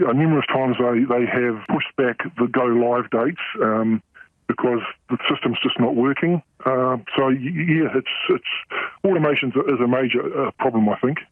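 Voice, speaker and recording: A middle-aged man, a port worker in a radio news interview, his voice disguised to hide his identity, speaking haltingly with many fillers and restarts. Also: medium pitch, dry recording. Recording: tinny phone-like line.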